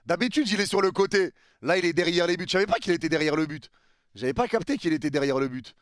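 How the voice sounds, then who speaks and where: A man's voice: fairly high pitch, fast talker, no echo, studio quality. A man reacting live to a football vlog, commenting and swearing at what he sees. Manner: commenting and laughing at the video, swearing.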